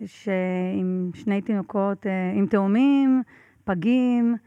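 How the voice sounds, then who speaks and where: Woman guest, casual storyteller, lively, many fillers, dry muffled lo-fi sound. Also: medium pitch, no room sound. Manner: animated, laughs often, many fillers. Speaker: podcast guest.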